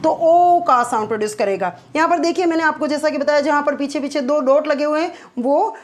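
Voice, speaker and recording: A woman with a high voice teaches phonetic symbols in a classroom style. She turns each point into a question, answers it herself and draws out vowel sounds slowly to show them. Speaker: English teacher. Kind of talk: explaining phonetic symbols to exam students.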